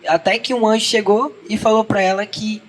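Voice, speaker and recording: A man's voice: sits high, steady tone, a little fast, slight background noise. A teenage boy with a Brazilian Portuguese accent giving an earnest youth devotional, reading a Bible passage and then talking casually to his peers. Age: teens. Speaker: youth church speaker.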